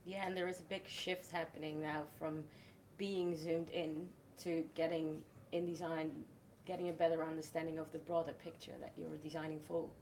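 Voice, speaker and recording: A young woman in her twenties from the Netherlands, a festival host explaining her work in a measured, step-by-step casual chat. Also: deep voice, flat delivery, a little mellow, slight background noise.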